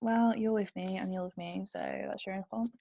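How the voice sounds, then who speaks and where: A woman's voice: mid-range voice, fairly even intonation, normal speed, gravelly, warm tone. A woman co-hosting a podcast in casual chat, blunt and giggly. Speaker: podcast co-host. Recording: dull lo-fi mic.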